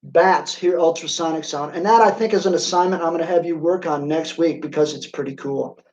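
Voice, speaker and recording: High-voiced man teaching physics online. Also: a little fast, a little mellow. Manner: playful, chatty, quizzes students by name. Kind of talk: online class lesson. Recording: roomy, dull lo-fi sound.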